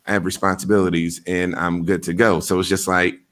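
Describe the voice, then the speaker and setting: A man's voice: deep voice, little pitch movement, a little fast, fairly bright tone. A man hosting a podcast in a loose, blunt casual chat, full of fillers and swearing. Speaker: podcast host.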